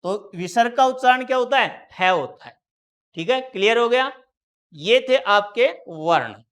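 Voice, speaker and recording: A man's voice: very high-pitched, animated, unhurried, fairly bright tone, smooth. A man teaching Hindi grammar in a classroom lecture. He explains step by step, keeps quizzing the students with repeated questions, and draws out syllables when he sounds out example words.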